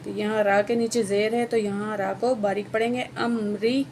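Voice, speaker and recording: A woman teaching a word-by-word recitation lesson with a Pakistani Urdu accent. She spells out each letter and vowel mark, then recites the words slowly. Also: medium pitch, flat delivery, darkish tone, slight background noise. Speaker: Quran teacher.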